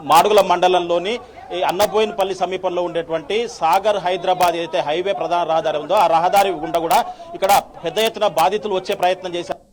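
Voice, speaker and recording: A man reporting live from an outdoor highway protest, talking in quick, halting bursts. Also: fairly even intonation. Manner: hurried, halting. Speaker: field reporter.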